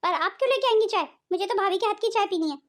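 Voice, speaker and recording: A woman's voice: very high-pitched, animated, very fast. A woman voicing a hot-tempered married daughter in a cartoon family drama, accusing and bossy in her manner. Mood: insistent. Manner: accusing, sharp-tongued, bossy.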